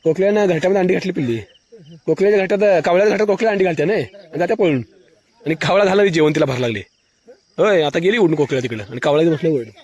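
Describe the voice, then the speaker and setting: A man's voice: sits high, very fast, darkish tone. A man, casually vlogging outdoors by a river and pointing things out to viewers. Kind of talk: casual walking vlog by a river.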